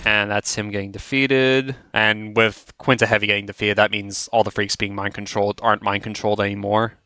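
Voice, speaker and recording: Low, bright-voiced man giving casual commentary. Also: flat delivery, a little fast, clean tone. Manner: rambling, offhand. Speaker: video creator.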